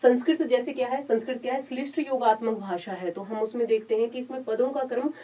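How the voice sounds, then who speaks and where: A woman college lecturer giving a recorded lesson, explaining step by step, repeating her points and pausing on filler sounds. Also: a little high, mellow. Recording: dull lo-fi sound, distant mic.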